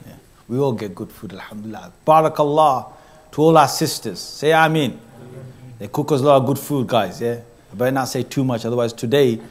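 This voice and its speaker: A man with a British accent giving a mosque sermon, speaking directly to brothers and sisters and repeating phrases for emphasis. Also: mid-range voice. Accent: British English. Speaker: preacher. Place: mosque hall.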